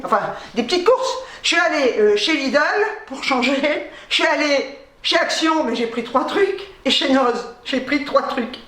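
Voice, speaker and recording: A woman's voice: high-pitched, a bit bright, reverberant. A woman chatting through a shopping haul vlog, agitated, swearing casually and breaking into nervous laughter. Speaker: vlogger.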